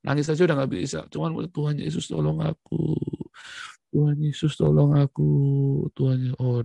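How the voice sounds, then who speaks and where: A man preaching a sermon in an emphatic, conversational way, swinging between loud exhortation and hushed tones. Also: mid-range voice, vocal fry, no room sound, studio quality. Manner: conversational, uses casual slang.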